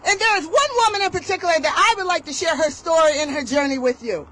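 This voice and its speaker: Speaking fast in a very high, fairly bright voice, a woman gives an outdoor motivational rally speech. She leads the crowd in call-and-response with rhythmic, emphatic, rhyming lines.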